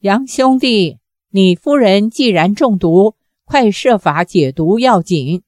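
A woman's voice: mid-range voice, expressive, takes it slowly, a little mellow, no room sound, clean studio sound. A woman reading an anxious middle-aged swordsman. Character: loyal middle-aged male fighter, anxious and earnest.

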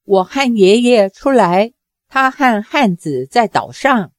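A timid, childlike young woman pleads in a high, fearful voice, slow and hesitant, as a woman narrator puts her on. The voice sounds close and dry, with no room around it. It belongs to an audiobook telling. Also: big pitch swings, dry recording. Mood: frightened. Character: simple-minded young woman, frightened and childlike.

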